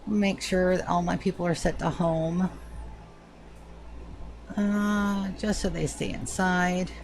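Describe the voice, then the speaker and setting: In a fairly low, gravelly voice with a darkish tone and fairly even intonation, she takes it slowly while streaming a game, and there's slight background noise. She speaks with a Southern Georgia accent and a slight lisp, chatting casually and greeting viewers by name.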